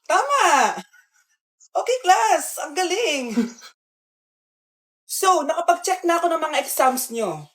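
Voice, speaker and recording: A woman performing comedy skits, switching quickly between several characters in a lively way. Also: extremely high pitch.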